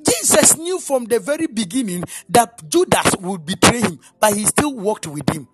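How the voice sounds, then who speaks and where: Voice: medium pitch, big pitch swings, normal speed, faint music behind. A pastor preaching a sermon in a church, dramatic and half-singing the lines, with playful asides to the congregation.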